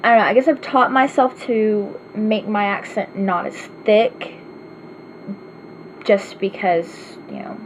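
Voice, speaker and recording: A woman with an Arkansas accent speaks slowly at a medium pitch, rambling in a casual, self-deprecating way as she answers questions in a home vlog. The recording sounds slightly dull, with a faint hiss.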